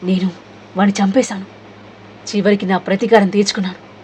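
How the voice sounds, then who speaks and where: A woman reading the lines of a vengeful young man, gloating slowly about his revenge. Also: medium pitch, level tone, darkish tone, slight background noise, close to an everyday voice.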